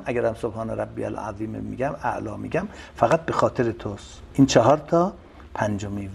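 A male preacher delivers a religious lecture in a gravelly voice. His tone has a husky edge. He often poses a question and then answers it himself. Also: medium pitch, a little mellow. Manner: asks rhetorical questions and answers them himself.

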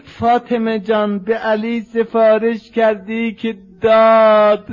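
A man's voice: sits high, monotone, highs cut off. A man performing a mournful religious recitation, half spoken and half chanted, his voice turning tearful and plaintive.

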